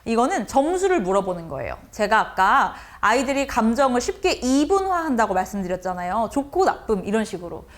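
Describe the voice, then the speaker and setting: Speaking on the high side and fairly quickly with hardly any pauses, a woman lectures teachers on how to talk with students. She's lively and often acts out the teacher's and child's lines in a changed voice.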